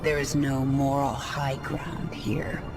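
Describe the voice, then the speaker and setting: A woman playing a vengeful, ruthless alien warrior queen in a video game, speaking in a cold, commanding, deliberate way. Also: rumbling low, little pitch movement. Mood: grim, defiant. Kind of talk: dramatic video game acting. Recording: loud cinematic music behind.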